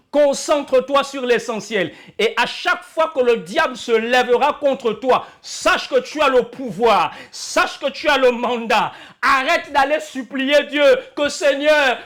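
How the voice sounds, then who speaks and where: Guy preaching a sermon in church, really high voice, keeps repeating himself and shouting out. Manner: fervent, shouting and crying out in bursts, repeating phrases. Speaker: apostle preaching.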